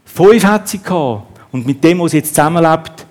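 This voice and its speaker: A man's voice: a little high, expressive, normal speed, darkish tone. A man preaching a sermon, acting out the quotes in the story with a raised voice.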